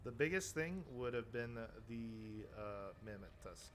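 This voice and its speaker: A man narrating as game master, casual and halting, often searching for words. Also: mid-range voice, animated, a little hiss or hum.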